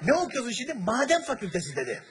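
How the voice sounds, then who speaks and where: A man from Turkey doing stand-up on a big theater stage, his high, bright voice carrying through a stage microphone. He tells stories with acted-out voices and keeps up a running banter with the audience. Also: quick pace, a little hiss or hum. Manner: animated storyteller, acts out voices, chats with the audience. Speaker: stand-up comedian. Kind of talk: stand-up comedy with crowd work. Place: large theater stage before a live audience.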